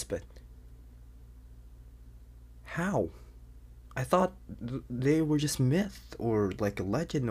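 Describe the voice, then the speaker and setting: In an ASMR audio roleplay, a young man plays an anxious, bewildered teenage boy who is turning into a werewolf, speaking haltingly in a husky, breathy half-whisper. He commits fully to the character voice, with a mid-range, slightly mellow pitch.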